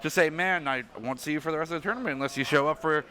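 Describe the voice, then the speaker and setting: Bright, joking male esports caster. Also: on the high side. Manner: joking, playful, quick asides. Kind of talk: casual esports desk banter. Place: studio caster desk. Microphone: desk microphone.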